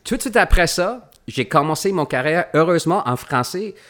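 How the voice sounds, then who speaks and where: A man's voice: fairly high pitch, expressive, normal speed, a bit bright. A middle-aged English-speaking Canadian man, a guest actor, speaking French in a casual podcast interview with many fillers and restarts.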